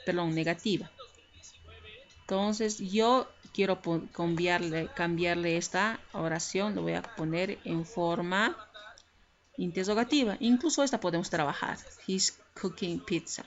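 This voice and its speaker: A woman's voice: fairly low pitch, a little slow. A woman teaching English grammar in a recorded lesson, explaining patiently step by step and checking in with her students. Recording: slightly muffled lo-fi recording with faint hiss.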